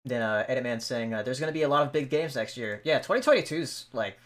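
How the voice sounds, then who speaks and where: A man in his thirties hosting a podcast and reading out viewer questions. His voice is bright and clear, with an easygoing, casual manner. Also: medium pitch, expressive, quick pace. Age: 30s. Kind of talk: casual chat.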